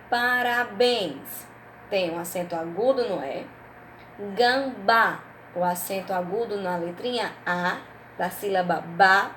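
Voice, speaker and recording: A woman teacher, giving a remote lesson to young children. She speaks of herself in the third person and says each example word slowly and loudly. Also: medium pitch, echoey room, a little hiss or hum.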